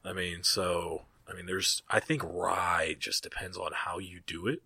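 A low-pitched man with a husky edge and a bright, forceful tone chats casually about whiskey with friends. He stumbles and repeats his words, then cracks jokes. The sound is dry and close. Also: level tone, dry recording. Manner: halting, repeats words, jokey. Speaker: podcast co-host. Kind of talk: casual whiskey tasting chat.

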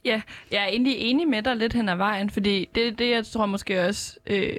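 A woman's voice: medium pitch, fairly even intonation, fairly bright tone, dry recording. Give me a thoughtful woman in a panel debate, dry sound. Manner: thoughtful, with fillers.

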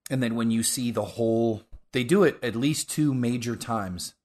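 A man hosting a casual podcast, talking about a show in a halting, enthusiastic way. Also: mid-range voice, darkish tone. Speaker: podcast host.

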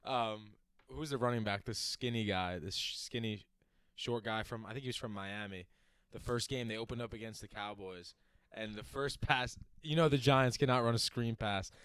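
A man's voice: on the low side, moderate pace, fairly bright tone, smooth, dry recording. A man on a casual sports podcast who chimes in with jokes and memories of old games. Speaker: podcast co-host.

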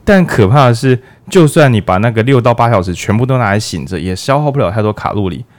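A man's voice: medium pitch, lively intonation, fast talker. A man hosting a podcast, explaining things in a casual, playful way with jokes and acted-out asides. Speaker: podcast host.

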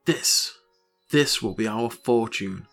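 A man playing a broke farmer husband in an audio story, excitable and rambling, full of grandiose schemes. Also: on the low side, takes it slowly, faint music behind. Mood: excited, insistent.

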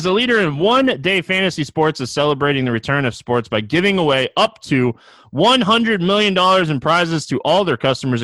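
A man who hosts a podcast, reading an energetic promotional ad in a punchy, upbeat prize-announcer manner. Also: high-pitched, dry recording.

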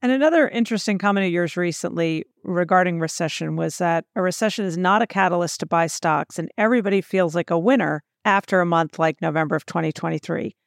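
A woman hosting an interview, asking questions in a measured, formal way. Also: lowish voice, creaky, dry recording, clean studio sound. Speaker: host.

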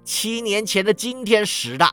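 A man voicing a bitter, miserly old man who snaps out his lines in a high, loud voice. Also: very animated, moderate pace, clean tone, soft background music. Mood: scornful. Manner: snapping, high-pitched shouts.

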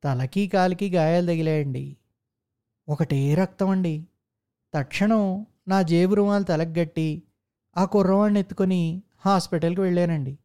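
Narrator doing a deferential male clerk, polite, crafty, mellow, storybook. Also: medium pitch, moderate pace, pauses often, clear, resonant tone, natural voice.

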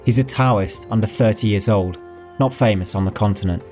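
A man voicing a bold, cheeky young male noble heir in an audiobook, brash and quick. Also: on the low side, a little mellow, soft background music, close to an everyday voice. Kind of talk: audiobook character voice.

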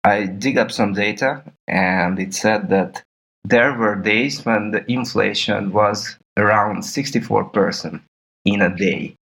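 A man in his thirties from Serbia, a podcast guest talking through his background in a slow, measured way with small laughs. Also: lowish voice, vocal fry, a bit bright, poor audio. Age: 30s. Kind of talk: podcast interview.

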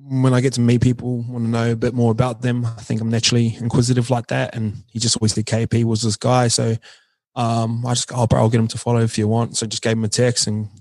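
This is a casual interview chat from a podcast guest, a New Zealander whose broad Kiwi accent carries slangy, informal talk full of "bro" and "man." He speaks fast and monotone at medium pitch with a darkish tone. The audio is poor, though there's no room sound.

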